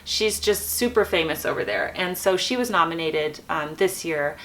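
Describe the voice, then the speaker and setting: A woman with a slightly low voice hosts a casual, chatty vlog. She talks freely and informally while keeping quiet, as one does at night with a baby asleep in the next room. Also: expressive, moderate pace, a little hiss or hum, low-quality recording. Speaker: host of a chat vlog.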